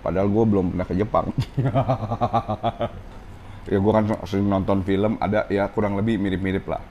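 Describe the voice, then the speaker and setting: Brief: man vlogging at a ramen restaurant, low and mellow, chatty, slight sore throat, faint room noise. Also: flat delivery, fast talker, dull audio. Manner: chatty, keeps saying guys, tastes as he talks. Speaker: food vlogger. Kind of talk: casual food review vlog.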